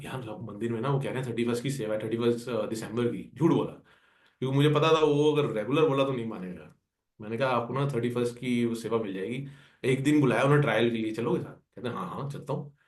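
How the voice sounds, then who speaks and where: Man telling a story in a roomy space. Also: medium pitch. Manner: conversational, acts out dialogue with friends. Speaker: devotee sharing a personal experience. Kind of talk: storytelling testimony. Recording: roomy echo.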